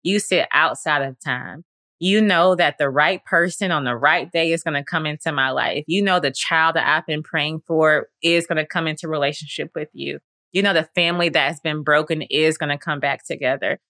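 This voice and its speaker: A woman's voice: low voice, normal speed, bright, forceful tone, no echo, clean studio sound. A woman hosting a faith podcast, talking earnestly and conversationally with lots of fillers. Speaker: podcast host.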